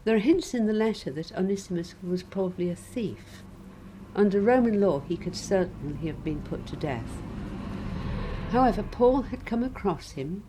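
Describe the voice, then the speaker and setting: A woman preaching a sermon in a measured, gently wry reflective way. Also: medium pitch, slight background noise, low-quality recording.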